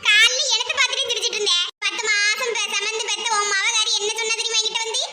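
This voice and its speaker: A woman's voice: extremely high pitch, fairly even intonation, fast talker, loud music behind the voice. A woman with a Tirunelveli Tamil accent, voicing cartoon comedy in a teasing, bickering way. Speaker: voice actor. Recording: loud background noise.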